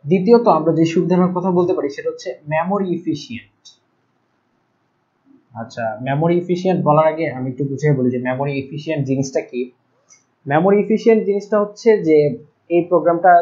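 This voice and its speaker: A young man teaching programming, explaining step by step and pausing to write things out and correct himself. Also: fairly high pitch, dark tone. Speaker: ICT teacher. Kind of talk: recorded classroom lecture. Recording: dull lo-fi recording.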